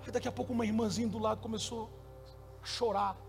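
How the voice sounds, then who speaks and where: A male pastor preaching a sermon, moving between loud shouted passages and quiet, soft storytelling. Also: sits high, fairly even intonation, fast talker, creaky, music in the background.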